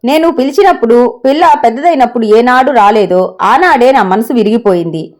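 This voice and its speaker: A woman's voice: a little high, lively intonation, brisk, a little mellow, close to an everyday voice. A woman voicing a stern, angry middle-aged husband who talks harshly. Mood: scolding. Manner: harsh, scolding.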